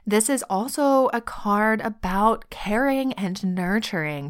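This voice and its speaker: Slow, soft-spoken woman podcast host. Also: medium pitch. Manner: slow, soft and heartfelt, drops to whispers, laughs often. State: sick and choked up. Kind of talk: reflective solo podcast talk.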